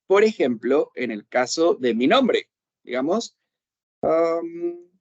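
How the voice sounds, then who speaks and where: On a lo-fi, dry recording, a man with a higher, darkish voice and big pitch swings gives an online English class explanation in Spanish. He's patient, keeps asking "¿ok?" to make sure students follow, and slows down when saying English examples.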